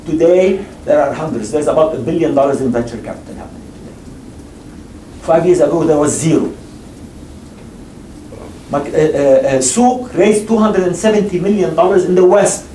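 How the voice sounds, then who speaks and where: A man with a slightly high, warm voice speaks at a moderate pace and pauses often, sitting far from the mic. He's on an investing panel in a lecture hall, taking part in discussion and audience Q&A, and he's emphatic and repetitive, frequently restarting sentences. The hall echoes, and faint noise sits under the distant recording.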